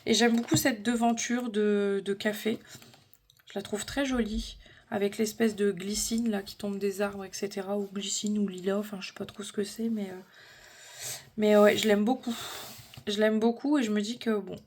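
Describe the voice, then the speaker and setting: A woman's voice: medium pitch, steady tone, moderate pace, a little mellow. A woman vlogging casually about her favorite coloring book pages, chatty and hesitant with frequent fillers and restarts. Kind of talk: casual chat showing coloring books.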